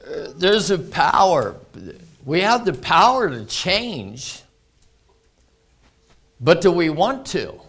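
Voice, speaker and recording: A man's voice: fairly high pitch, very animated, slow pace, long pauses, fairly bright tone, slightly rough. A man preaching a folksy sermon full of anecdotes. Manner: folksy, anecdotal, laughs often. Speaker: pastor.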